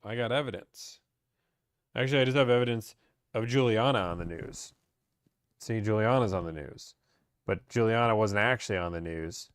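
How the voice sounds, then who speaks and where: A man's voice: lowish voice, moderate pace, pauses often, clean tone, no echo, studio quality. A young man from Pittsburgh, chatting casually as he reads and answers viewer questions about car buying on a live stream.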